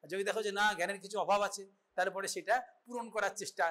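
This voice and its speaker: A man's voice: high voice, fairly even intonation, very fast, fairly bright tone. A man giving a medical college lecture, instructive and often checking that students understand. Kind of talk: classroom lecture, demonstrating an exam.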